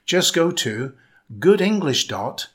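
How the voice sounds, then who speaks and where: A man narrating a scripted English pronunciation lesson, enunciating each word clearly and deliberately. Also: on the high side, sing-song, a bit bright.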